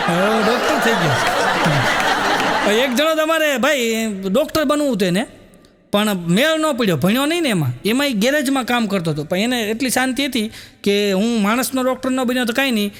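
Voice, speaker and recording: A middle-aged man with a Gujarati accent, his voice sitting high for a man, works through a string of comic anecdotes. He laughs along with his own stories and acts out the quoted lines himself. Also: fairly bright tone. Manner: storytelling with acted quotes and frequent chuckles. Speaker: stand-up comedian. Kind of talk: Gujarati joke telling.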